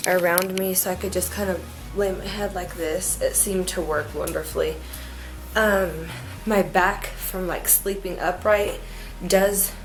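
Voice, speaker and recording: A woman's voice: lowish voice, rough recording. A woman talking casually in a personal vlog, in a rambling, informal, folksy way. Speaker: vlogger.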